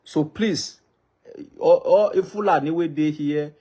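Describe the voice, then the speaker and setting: A Nigerian man, a native Yoruba speaker with a Yoruba accent, speaks in a fairly high, mellow, unhurried voice. He is a traditional ruler addressing the public, making an impassioned appeal with a pleading, repetitive, preacher-like cadence.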